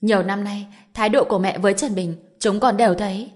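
An exasperated young wife, voiced by a woman narrator, speaks firmly and quickly. Her indignant lines come in an audiobook reading. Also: mid-range voice, fairly even intonation, darkish tone, lightly acted. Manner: firm, indignant.

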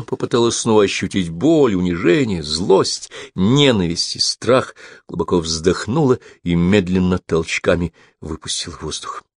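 Low-voiced male audiobook narrator. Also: dry recording, clean studio sound.

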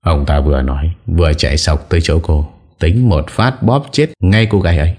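A male narrator with an extremely low voice reads a dramatic audiobook tale. His delivery is steady and scripted. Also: moderate pace.

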